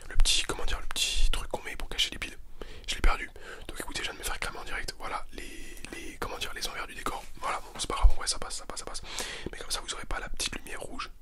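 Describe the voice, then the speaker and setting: Man whispering quick ASMR chat. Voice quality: breathy unvoiced whisper. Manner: repeats words and phrases softly. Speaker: ASMR video host. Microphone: close handheld-style stereo recorder.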